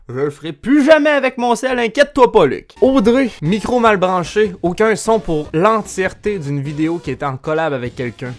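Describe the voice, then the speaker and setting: A young man with a Québécois accent hosting a casual vlog, animated, laughing often and swearing casually. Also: a little high. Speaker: YouTuber host.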